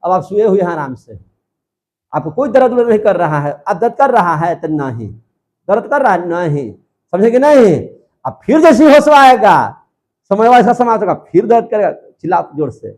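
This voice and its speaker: A man teaching a lesson in a bright, high voice. He talks in a lively way, asking a question and then repeating the answer back. His voice sits high for a man. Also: moderate pace. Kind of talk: classroom lecture.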